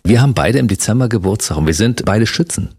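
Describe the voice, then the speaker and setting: A man from Germany, hosting a casual interview, jokey and quick to agree with his guest. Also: on the low side, animated, darkish tone, slightly rough. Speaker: interviewer host.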